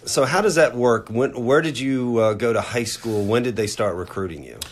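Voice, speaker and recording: A man's voice: mid-range voice, normal speed. A man hosting a podcast interview in a studio, talking casually with many fillers and restarts. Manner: rambling, lots of fillers and restarts. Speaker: podcast host. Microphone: studio microphone.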